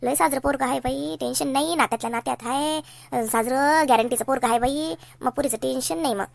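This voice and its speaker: A woman with a high-pitched, gravelly voice talks briskly with no echo, playing a fretful, doting middle-aged mother in a cartoon comedy. She uses a Varhadi Marathi accent and a homely, chiding manner, sounding wistful and hopeful.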